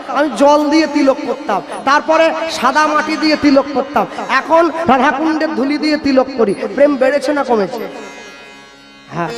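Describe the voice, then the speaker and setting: A man preaching a devotional kirtan sermon, fiery and scolding, with a sing-song delivery. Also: very high-pitched. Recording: long hall reverb with music.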